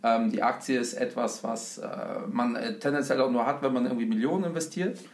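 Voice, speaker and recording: A man's voice: medium pitch, brisk. A German man hosting a casual talk about investing, who explains step by step with many fillers. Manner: thoughtful, frequent fillers, lecturing tone. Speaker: host. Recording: echoey room.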